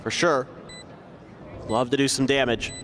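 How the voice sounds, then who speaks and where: A man's voice: mid-range voice, steady tone, a little slow, fairly bright tone, a little hiss or hum. A man working as an esports caster, giving analytical match commentary in a conversational, explanatory way.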